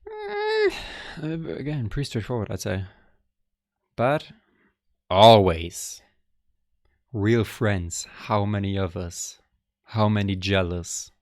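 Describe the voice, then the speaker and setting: A man's voice: lowish voice, huge pitch swings, takes it slowly, long pauses, darkish tone, no echo, clean studio sound. A young man casually reacting to an album, thinking aloud in a rambling, hesitant way. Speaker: music reaction vlogger.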